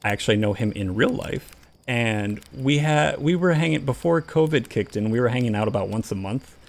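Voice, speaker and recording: A man's voice: medium pitch, a little fast, vocal fry. A man hosting a casual podcast, telling a story and acting out the quoted lines with animation. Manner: animated, acts out quoted dialogue. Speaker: podcast host and streamer.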